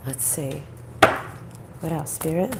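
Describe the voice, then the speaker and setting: A woman with a groggy, croaky voice from a troubled throat, doing a conversational card reading in halting, repeated phrases and questions. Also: low-pitched, heavy background noise. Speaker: spiritual card reader, host.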